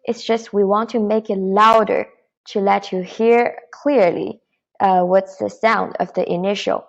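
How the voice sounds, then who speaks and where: A woman's voice: medium pitch, steady tone, a little slow, gravelly, lo-fi sound. A woman teaching a beginner Mandarin lesson online, patiently modelling syllables and repeating them for learners to copy.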